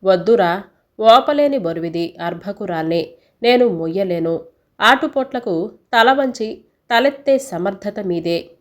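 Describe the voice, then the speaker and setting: A woman's voice: mid-range voice, expressive, measured pace, lightly acted. A woman voicing an anxious, tender old mother. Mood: sorrowful.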